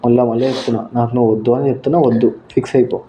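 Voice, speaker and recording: A man's voice: mid-range voice, fairly even intonation, very fast, warm tone, roomy sound, slight background noise. A man talking in a cold, dismissive and insistent way in an emotional scripted skit.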